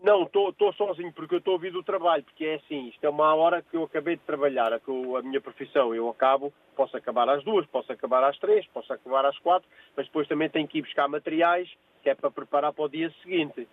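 A man's voice: fairly high pitch, steady tone, fast talker, no room sound. Older Angolan-born man on a tinny phone line. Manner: repeats phrases, hesitant restarts. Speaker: caller. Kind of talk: phone-in chat.

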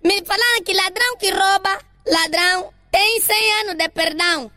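A cheeky little boy full of naive questions, as a man puts him on. The voice sits very high and bright, close and dry with no room around it. He asks everything with wide-eyed curiosity. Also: normal speed, no echo, soft background music, exaggerated voice. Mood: curious. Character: cheeky curious young boy asking his dad.

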